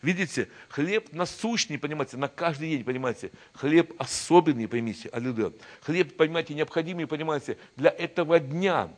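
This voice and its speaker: A man preaching a sermon to his church, constantly repeating asides and leading the congregation in call-and-response. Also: a little high. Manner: builds to loud shouted proclamations. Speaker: pastor.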